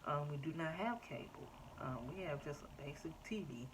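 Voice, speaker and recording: A woman in her thirties giving a casual, chatty update to her viewers, filling pauses with "um" and "like" and calling them "y'all". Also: deep voice, expressive, noisy background. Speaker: vlogger. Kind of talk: casual personal update to camera. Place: home.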